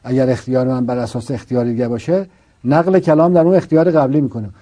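A man's voice: mid-range voice, fairly even intonation, dark tone. A man explaining a philosophical argument as a teacher, asking rhetorical questions and repeating points to drive them home. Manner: argues with rhetorical questions and repetition.

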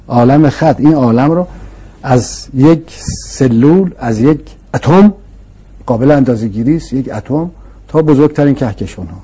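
In a dark-toned, mid-range voice, a man lays out philosophical concepts for an interviewer, patiently and emphatically. It's a conversational, explanatory lecture, leaning on rhetorical questions and repetition.

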